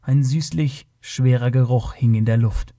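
Brief: male narrator, mellow dark timbre, measured reading of an adventure tale. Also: mid-range voice. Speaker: audiobook narrator. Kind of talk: scripted narration.

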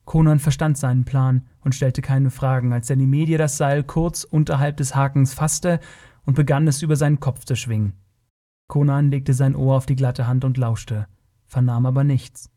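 A man narrating an adventure audiobook in a measured, even storytelling manner. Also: mid-range voice. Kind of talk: scripted narration.

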